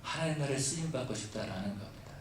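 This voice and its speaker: A man's voice: mid-range voice, animated, quick pace, background noise. A man preaching a sermon as pastor, breaking from plain storytelling into fervent, prayer-like appeals. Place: church sanctuary. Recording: echoey church hall from far off.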